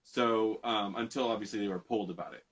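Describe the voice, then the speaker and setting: A man's voice: lowish voice, steady tone, a little fast, a bit bright, breathy edge, poor audio. Rambling man hosting a casual talk. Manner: rambling, self-correcting. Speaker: podcast host. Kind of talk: casual conversation.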